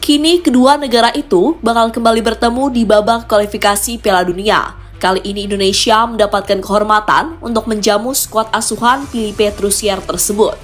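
A woman narrating a scripted sports news segment in an even, read-out delivery. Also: medium pitch, brisk. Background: background music.

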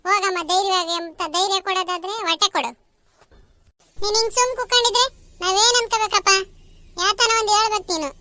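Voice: very high-pitched, fairly even intonation, fast talker, pauses often, bright, forceful tone, dry recording. A performer voicing pleading village women at a temple in a cartoon. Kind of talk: cartoon voice acting.

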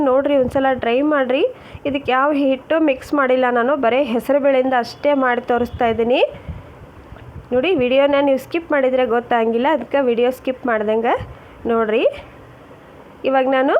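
A woman chatting through a home cooking demonstration and calling her viewers friends as she works. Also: sits high. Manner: chatty, keeps calling viewers friends and urging them to look. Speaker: cooking channel host. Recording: dull lo-fi sound with faint noise.

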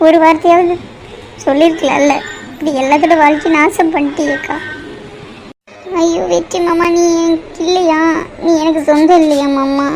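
Woman doing a distraught young cartoon woman, very high voice, wailing, pleading. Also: steady tone, moderate pace, long pauses, a little mellow, faint music behind, rough recording. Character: distraught young woman begging her family. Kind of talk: cartoon drama voice acting.

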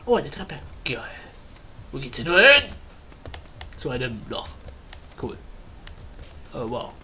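Lively, bright-voiced man commenting on gameplay. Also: medium pitch, takes it slowly, a little hiss or hum. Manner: playful, chatty, hums and sings along. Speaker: Let's Play host.

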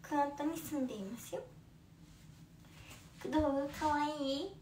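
Young woman, Kumamoto accent, high voice, chatty livestream, echoey room, distant phone mic. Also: unhurried, darkish tone, slight background noise. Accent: Kumamoto dialect. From Kumamoto, Japan. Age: 20s. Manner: chatty, friendly, with many fillers. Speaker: livestream host. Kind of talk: casual livestream chat reading comments.

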